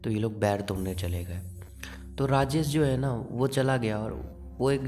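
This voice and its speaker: A man's voice: medium pitch, measured pace, warm tone, soft background music. Man telling a horror story conversationally. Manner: conversational, with fillers. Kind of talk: casual storytelling.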